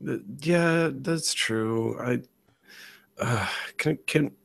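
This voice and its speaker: A man plays a villain character at a tabletop game table. He speaks in a middle pitch and talks casually. He often hesitates and restarts his sentences. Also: extremely slow, gravelly, fairly bright tone. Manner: hesitant, many fillers and restarts. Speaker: player. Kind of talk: casual tabletop role-play.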